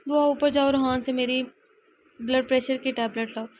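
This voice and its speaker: A woman voicing a gentle, caring elderly grandmother in a romance audiobook. The grandmother speaks in a gentle, confiding way. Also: high voice, fairly even intonation, normal speed, slight background noise, natural voice.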